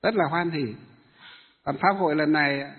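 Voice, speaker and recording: A Buddhist monk giving a dharma talk to lay followers, asking the audience questions and then answering them himself. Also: male voice, fairly high pitch, normal speed, slightly rough. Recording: tinny phone-like sound in a hall with long reverb.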